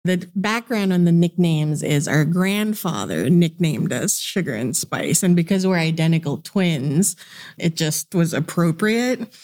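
A woman's voice: on the low side, expressive, a little slow, darkish tone. A woman in her forties from the Philippines, a guest chatting casually in an interview with frequent laughter.

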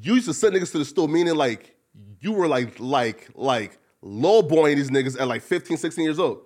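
A male interviewer with a fairly high voice. He talks in loose street slang with a hyped-up bro manner, leaning on bro, like and right as he goes. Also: lively intonation, moderate pace, darkish tone. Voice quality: slang-heavy speech. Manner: hyped-up bro talk, repeatedly saying bro, like and right.

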